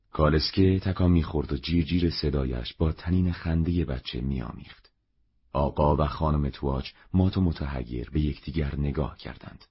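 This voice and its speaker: A man reading a novel aloud as narrator, in a steady, measured way. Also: rumbling low, slightly rough. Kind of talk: audiobook narration. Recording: dull lo-fi recording.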